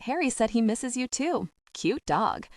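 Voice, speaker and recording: A reserved, gentle man whose text messages are read aloud in an understated voice, as a woman narrator reads his lines. The audiobook recording is dry and close. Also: a little high, big pitch swings, unhurried, no echo, pitched above the performer's own voice. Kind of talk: audiobook character reading.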